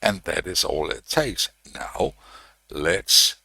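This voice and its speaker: Deep, creaky and sharp-toned, this man's voice moves slowly with big pitch swings as he walks through an electronics project, thinking aloud and restarting often with plenty of "uh"s. The dry recording comes from a desk mic that he turns on and off.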